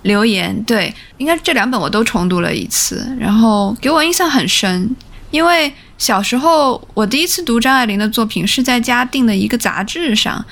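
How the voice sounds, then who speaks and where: A female podcast co-host chats about books in a meandering, conversational way. Her voice sits fairly high. She pauses on fillers as she goes. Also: expressive, vocal fry, a bit bright. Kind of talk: casual podcast chat.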